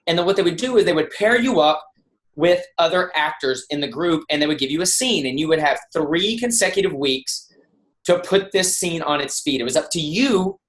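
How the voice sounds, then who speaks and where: A man's voice: fairly high pitch, fairly bright tone. A man speaking on a kickoff call, telling personal stories to motivate his team. His talk is loose and conversational, with many restarts, and he sometimes acts out the people he is quoting. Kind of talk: motivational storytelling.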